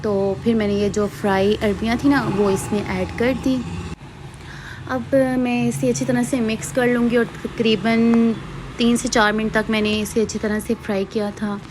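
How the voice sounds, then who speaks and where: A young woman gives a chatty, conversational voice-over, her voice sitting a little high. The home recording carries clear background noise. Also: little pitch movement, normal speed. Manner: chatty, conversational, with fillers and asides. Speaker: vlogger. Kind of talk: casual voice-over narration. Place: hot room at home, fan switched off.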